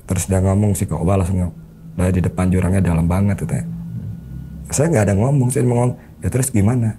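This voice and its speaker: A man's voice: low voice, fast, background noise. A man telling a story as an interview guest, earnestly acting out the remembered dialogue. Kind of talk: conversational storytelling.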